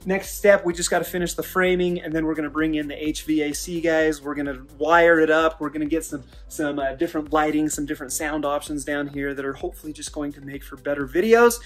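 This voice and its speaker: A man in his thirties, a physical therapist who hosts a fitness channel, vlogs upbeat and enthusiastic from an unfinished basement under construction, calling his viewers "you guys." His slightly high, fairly even voice races along with few pauses. The camera mic, often held at arm's length, picks up the bare room's echo and faint background music.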